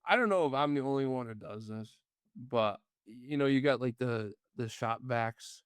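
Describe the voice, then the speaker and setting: A man's voice: medium pitch, moderate pace, smooth, dry recording, studio quality. A man co-hosting a casual movie review podcast, laughing often and trading jokey asides. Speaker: podcast co-host.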